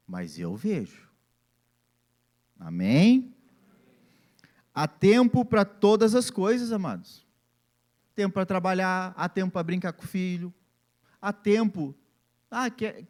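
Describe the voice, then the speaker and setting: Animated pastor preaching. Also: male voice, high-pitched. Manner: animated, acts out family scenes in different voices. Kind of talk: sermon.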